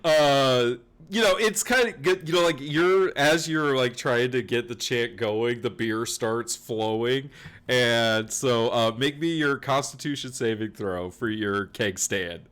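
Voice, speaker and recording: A man's voice: mid-range voice, a little slow, a bit bright, smooth. A man narrating as game master, chatty and laughing often.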